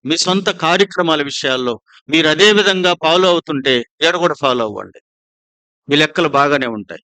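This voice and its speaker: A man's voice: medium pitch, bright, forceful tone, no room sound. A pastor with a Telugu accent preaching to his congregation, asking them many rhetorical questions. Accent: Telugu, Andhra Pradesh. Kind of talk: sermon. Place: prayer house.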